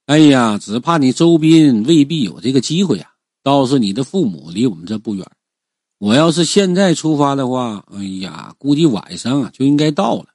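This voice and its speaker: A man voicing a menacing, arrogant rich middle-aged boss who sneers his threats in a husky, lowered voice. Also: big pitch swings, moderate pace, a little mellow, no room sound, clean studio sound. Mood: sneering.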